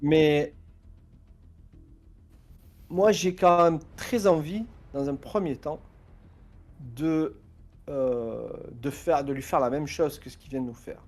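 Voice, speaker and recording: A man's voice: a little high, slow, long pauses, a little mellow, faint music behind. A man chatting casually as a player in a tabletop role-playing game.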